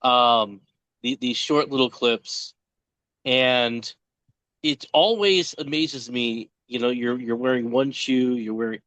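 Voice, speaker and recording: A man's voice: mid-range voice, slow pace, fairly bright tone, no echo, low-quality recording. A man hosting a podcast interview, chatting in a folksy, joking way from outdoors by a pond. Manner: folksy, joking, with frequent restarts. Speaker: podcast host. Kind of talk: casual interview chat.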